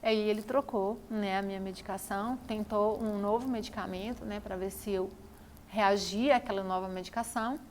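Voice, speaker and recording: A woman's voice: mid-range voice, fairly even intonation, normal speed, slight background noise. Woman recounting a personal ordeal. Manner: repetitive, emphatic retelling. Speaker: vlogger. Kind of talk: personal storytelling to camera.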